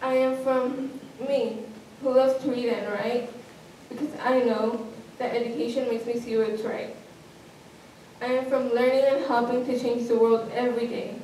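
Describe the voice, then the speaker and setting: A woman with a slightly high voice recites a personal poem in a steady, list-like cadence. She is picked up from some distance in a very echoey room, with faint noise underneath. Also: moderate pace.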